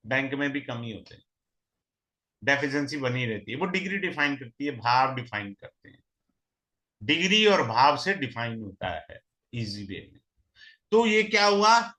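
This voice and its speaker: Sharp-voiced male astrology teacher. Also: medium pitch. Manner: asks the class rhetorical questions and answers them himself; mixes in English terms and repeats key phrases. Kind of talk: recorded online lesson, explaining step by step.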